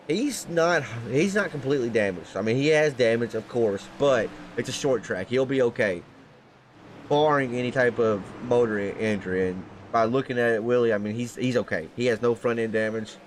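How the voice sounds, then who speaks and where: A man's voice: medium pitch, slight background noise. A man doing casual live race commentary from the booth, loose and chatty, laughing often.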